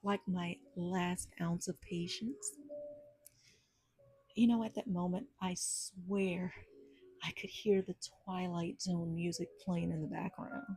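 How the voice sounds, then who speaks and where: A woman hosting a podcast, telling a personal story in an animated, sassy way with churchy asides. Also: lowish voice, takes it slowly, slightly rough, rough recording. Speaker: podcast host. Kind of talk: storytelling monologue. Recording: soft jazz music behind.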